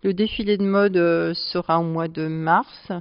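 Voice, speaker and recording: A woman who presides over a charity club, answering interview questions at length and pausing often to find her words. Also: fairly low pitch, steady tone, smooth, no room sound. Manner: explanatory, speaks at length with frequent hesitations. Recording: dull lo-fi sound.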